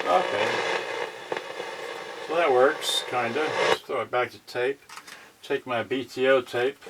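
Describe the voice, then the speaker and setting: Here a man speaks at a measured pace in a mid-range voice as host of an electronics unboxing channel. Rambling and thinking aloud in a casual, unscripted unboxing, he often trails off mid-thought, and the noisy home video has clicks.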